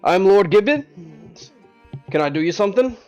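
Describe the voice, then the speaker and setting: Man playing a pompous mustache-twirling villain lord, high-pitched. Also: expressive, moderate pace, darkish tone, dull audio, faint music behind. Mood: smug, breezy.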